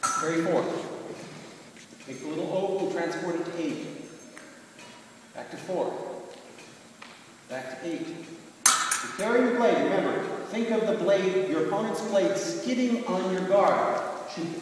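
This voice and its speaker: A man coaching a fencing lesson, demonstrating moves and giving crisp, clipped drill commands. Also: high-pitched, lively intonation, measured pace, pauses often. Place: large reverberant indoor hall, recorded from a distance. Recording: echoey hall, distant mic, loud background noise.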